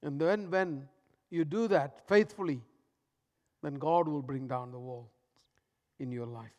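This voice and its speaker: A man with a high-pitched voice preaching a sermon in a big echoing church hall. He pushes some lines out loudly, then drops others to a near-whisper. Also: a little slow. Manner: dramatic swings between loud emphasis and hushed, soft lines. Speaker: pastor.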